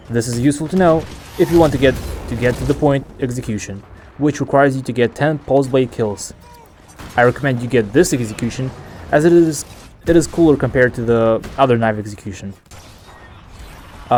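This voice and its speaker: A man's voice: mid-range voice, darkish tone, a little hiss or hum. A man hosting a gaming video, narrating a scripted guide with informal asides.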